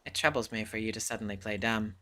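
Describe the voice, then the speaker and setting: A man's voice: lowish voice, quick pace. Rider, a man voicing a cool, composed woman. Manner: calm and cool, speaking softly. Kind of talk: visual novel read-aloud.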